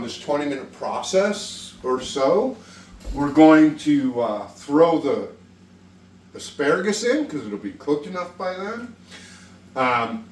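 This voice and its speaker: A man hosting a casual cooking demonstration in a folksy, joking way, with some swearing. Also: fairly high pitch. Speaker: cooking show host. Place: indoor kitchen. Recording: roomy, distant mic, faint kitchen noise.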